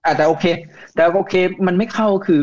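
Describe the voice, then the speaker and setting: Casual co-host, blunt and crude, higher-pitched man, muffled lo-fi recording. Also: a little fast, darkish tone. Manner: blunt, crude slang-filled banter. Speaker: podcast co-host. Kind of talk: casual football chat.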